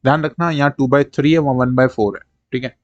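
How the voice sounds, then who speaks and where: A man's voice: medium pitch, fairly even intonation, a little mellow, dry recording, lo-fi sound. Male maths teacher drilling fractions. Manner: drills numbers in quick call-and-response; coaxing, repeats "ठीक है" to check students follow. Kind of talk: live-streamed maths lesson.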